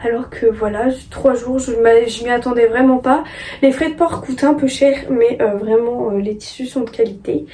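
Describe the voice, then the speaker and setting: A young woman chatting casually about her sewing haul, halting often with fillers and restarts. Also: on the high side, dark tone. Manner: hesitant, many fillers and restarts. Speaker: sewing vlogger.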